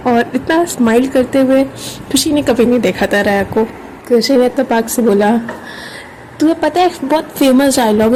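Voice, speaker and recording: A woman's voice: fairly high pitch, a little mellow, slight background noise, poor audio. A woman narrating a love story in a chatty, conversational way. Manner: chatty, conversational telling with English words mixed in.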